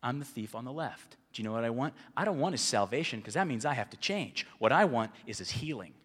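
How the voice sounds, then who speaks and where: A man preaching a sermon, moving from hushed, quiet lines to loud, emphatic ones. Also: mid-range voice, expressive, fast, husky. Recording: long reverb of a large hall.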